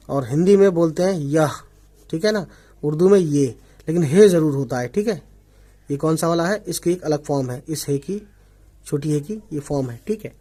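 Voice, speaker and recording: A man teaching an Urdu writing lesson in Hindi, repeating words slowly and often checking that viewers follow along. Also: a little high, warm tone. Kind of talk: online language lesson. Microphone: omnidirectional desk microphone.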